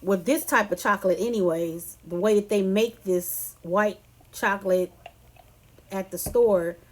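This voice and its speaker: A woman's voice: mid-range voice, a little slow. A woman from California giving a casual cooking tutorial, chatty and loose, addressing viewers as "y'all" and "you guys". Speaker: cooking vlogger.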